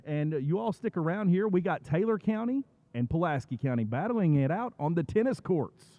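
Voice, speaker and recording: A folksy man with a Kentucky accent hosts a small-town tennis livestream, talking in a slightly higher voice than most men. The audio is thin and phone-like. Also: animated, fairly quick, dry recording. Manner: folksy, jokey. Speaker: sports broadcast host. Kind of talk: casual sports broadcast chat.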